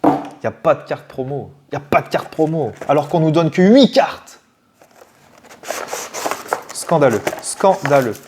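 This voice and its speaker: A man with a French accent talks casually as he opens a box of trading cards, his voice rising and falling in a lively, animated way. He swears freely and breaks into loud, high shouts when something excites him. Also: normal speed, long pauses, noisy background. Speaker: card-opening youtuber. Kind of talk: casual unboxing chat.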